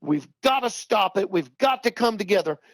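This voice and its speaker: An older man talking heatedly on a podcast, repeating himself for emphasis and rising in pitch when worked up. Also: expressive, moderate pace, fairly bright tone, no room sound, low-quality recording. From Texas. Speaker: podcast guest. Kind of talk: impassioned talk-show commentary.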